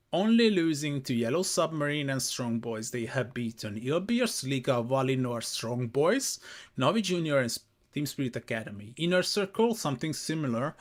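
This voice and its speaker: A man casting a live esports match solo, chatty and talking straight to his viewers, often correcting himself mid-sentence. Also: medium pitch. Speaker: esports caster. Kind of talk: live game commentary.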